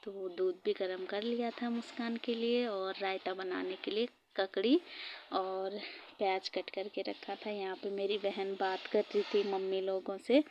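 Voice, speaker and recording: A woman's voice: mid-range voice, little pitch movement, a little slow, a little mellow, lo-fi sound, slight background noise. A woman vlogger narrating her day in a chatty, rambling voice-over, laughing often. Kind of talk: casual voice-over vlog narration.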